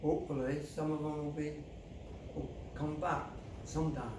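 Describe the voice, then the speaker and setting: An older man talks in a plain, unhurried way, halting now and then. His voice sits a little high. He is recorded from some distance outdoors, with loud background noise and a roomy echo. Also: level tone. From England. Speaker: farmer. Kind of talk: outdoor interview walk. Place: outdoors on farmland.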